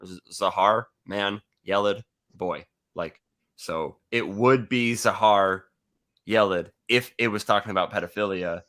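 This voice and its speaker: With a fairly bright, low-leaning voice and a slightly slow pace, this American livestream host from California rambles casually, cracking jokes and using profanity.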